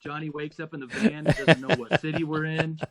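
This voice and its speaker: Earnest, animated jazz musician man. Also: on the high side, a little fast, a crowd in the background. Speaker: touring jazz musician, guest. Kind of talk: casual interview.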